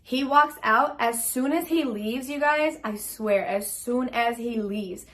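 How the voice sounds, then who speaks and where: Chatty young woman, slightly high voice. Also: takes it slowly, fairly bright tone. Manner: chatty and rambling, full of ums and likes, acts out her own lines. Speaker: vlogger telling her birth story. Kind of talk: casual storytelling.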